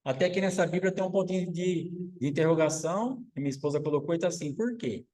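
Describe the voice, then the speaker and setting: A man's voice: a little high, fast, dark tone, poor audio. A man, a pastor, preaching a sermon, asking rhetorical questions and acting out quotes.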